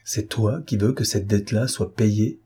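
A man doing a gruff exasperated nobleman. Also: lowish voice, fairly even intonation, unhurried, mellow. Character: grumpy baffled nobleman, quick to anger.

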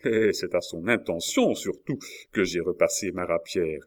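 A man's voice: low voice, moderate pace. A man voicing a scheming, greedy, cowardly male innkeeper with a sly manner. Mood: sly eager.

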